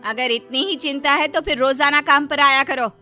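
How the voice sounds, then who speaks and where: A woman's voice: sits high, normal speed, pushed and bright, soft background music. A woman voicing a stern rich mistress of the house in a cartoon story, scolding her maid. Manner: scolding, commanding. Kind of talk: Hindi cartoon story dubbing.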